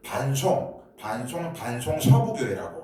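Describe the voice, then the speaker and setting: This man in his fifties, a guest pastor from Seoul, delivers a joking, chatty sermon, his mellow voice very animated yet a little slow. His Seoul speech carries touches of Gyeongsang dialect as he kids with the congregation. He's picked up from a distance in a church sanctuary full of booming echo.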